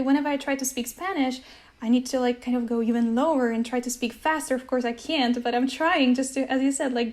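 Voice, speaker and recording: A woman's voice: high voice, darkish tone. A young woman whose first language is Polish, speaking English with an American accent in a casual conversation, chatty, with lots of fillers and easy laughter. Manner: chatty, uses many fillers, laughs easily. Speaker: language-learning guest.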